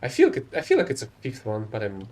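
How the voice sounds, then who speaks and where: This young man, a non-native English speaker, streams his gameplay with loose, rambling commentary, often correcting himself and getting mildly exasperated. He talks fast in a medium-pitched, slightly mellow voice with huge swings in pitch, and there's slight background noise.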